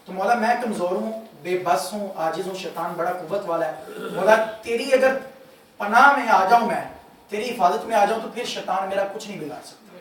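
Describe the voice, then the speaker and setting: A man's voice: sits high, a bit bright. Guy leading a mosque class, emphatic, makes everyone repeat after him, big echo, mic kinda far off. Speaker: mufti teaching a religious class. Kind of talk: religious class lesson with call-and-response drills. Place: mosque prayer hall. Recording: very echoey hall, voice from far off.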